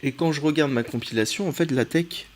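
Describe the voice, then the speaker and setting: A man from France teaching a relaxed screen-recorded coding tutorial, thinking aloud as he types and often pausing on "euh". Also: on the high side, a little hiss or hum.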